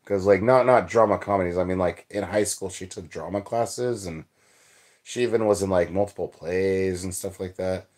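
A man's voice: low-pitched, normal speed, a little mellow. A young man hosting a livestream, chatting casually and reading out viewer comments in a loose, rambling way. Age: young adult. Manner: rambling, loose, filler-heavy chat. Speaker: livestream host.

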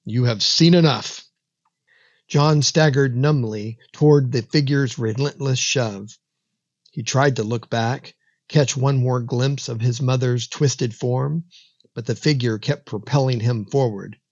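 A man narrates a horror story in a slow, measured, dramatic delivery. His mid-pitched voice sits in a dry, close recording with a dull, lo-fi tone. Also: fairly even intonation, a little mellow, no echo.

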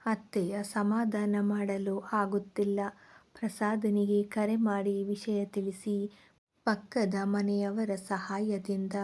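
A woman narrating an audio story, reading slowly and softly. Her voice is mellow and dark, and she keeps her pitch quite flat from line to line. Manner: slow, even, soft-spoken reading. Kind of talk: scripted narration.

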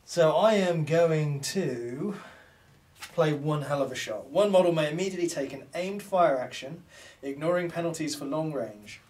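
A man's voice: on the high side, normal speed, a little mellow, distant mic. A man playing a tabletop miniatures game, chatting casually as he talks through his moves. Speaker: tabletop wargame player.

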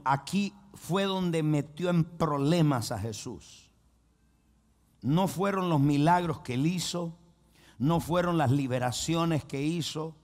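A man's voice: a little high, darkish tone. A man preaching a sermon as pastor, emphatic and repetitive, often calling on the congregation to repeat phrases and say amen. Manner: emphatic, with frequent restarts and repetition.

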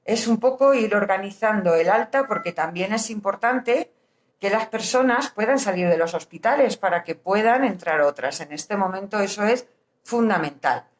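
A woman with a Castilian Spanish accent and a mid-pitched voice speaks through a face mask, which slightly muffles her words. She gives an informal explanation as a social worker, pausing to find her words. She is recorded at arm's length in a small office. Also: expressive. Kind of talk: informal explanatory talk to camera. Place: small indoor hospital office.

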